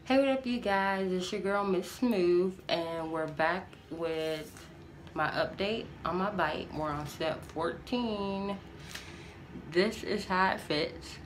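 A woman speaks with dental aligners in her mouth, her voice sitting low as she chats upbeat and directly to her viewers. Steady background noise runs under the home recording. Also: slow. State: talking with aligners in. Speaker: vlogger. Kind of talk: casual vlog update.

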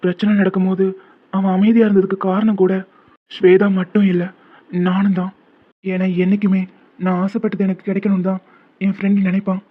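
A man voicing a devoted, protective young man in a cartoon, talking earnestly and gently comforting. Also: sits high, level tone, a little fast, long pauses. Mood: tender. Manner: earnest, soft-spoken comforting. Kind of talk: cartoon voice acting. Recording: tinny phone-like sound.

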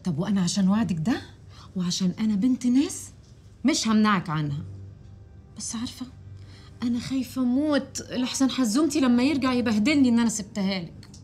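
An actress playing a sharp-tongued schemer, who talks in a sarcastic, insinuating Egyptian voice. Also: female voice, on the high side, lively intonation, fast talker, husky, faint music behind. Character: sharp-tongued, scheming woman needling a rival.

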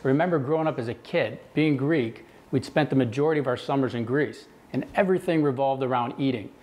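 A man's voice: mid-range voice, fast talker, darkish tone. Earnest man giving an interview. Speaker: company executive. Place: indoor kitchen showroom. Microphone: lapel.

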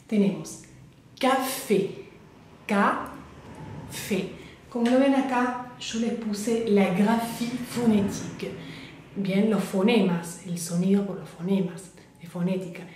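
A woman's voice: mid-range voice, warm tone, slight background noise. Woman, patient French teacher drilling words, very echoey room. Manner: patient, repeats words slowly for learners. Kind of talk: online language lesson.

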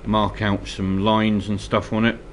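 His voice is on the low side and a little slow, with a faint hiss or hum in the recording. The man is from Scotland, has a slight cold, and casually talks through a miniature painting tutorial at his hobby desk. He sounds relaxed and hesitant, full of ums and uhs.

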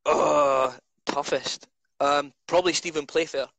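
A man's voice: on the high side, steady tone, a little slow, gravelly, a bit bright, no echo. Chatty young man on a call. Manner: chatty, self-mocking, many restarts. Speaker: MMA fighter. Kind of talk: casual video-call interview. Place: living room at home. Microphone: video call.

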